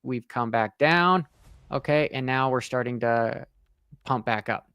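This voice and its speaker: Half his face still numb from a dentist visit, a man streams casual crypto trading commentary, emphatic, repetitive and full of check-ins. He speaks a little slowly in a medium-pitched voice that is fairly bright, clear and resonant, with no room sound.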